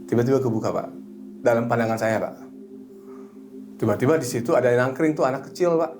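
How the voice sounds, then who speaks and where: A middle-aged man who works as a hypnotherapist, chatting casually and telling animated stories, sometimes slipping into a slow, soothing suggestion voice. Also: mid-range voice, music in the background. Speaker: hypnotherapist guest. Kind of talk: casual chat.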